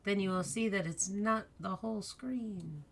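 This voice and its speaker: A woman's voice: medium pitch, a little slow, vocal fry, slight background noise. A woman speaking as game master, casually narrating a tabletop role-playing game and calling for rolls.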